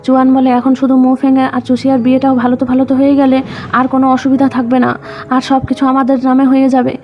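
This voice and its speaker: A woman narrating a drama recap in a scripted storytelling read, voicing the quoted lines in her same even narrating voice. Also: high-pitched, fast talker. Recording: dull lo-fi voice-over with background music.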